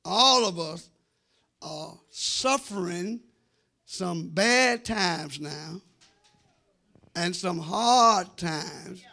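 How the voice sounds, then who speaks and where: His voice sits high, bright and forceful with vocal fry, and his intonation is lively even though he speaks extremely slowly and pauses often. The middle-aged American senior pastor preaches emphatically to his congregation in the church sanctuary, drawing out phrases and holding a handheld microphone.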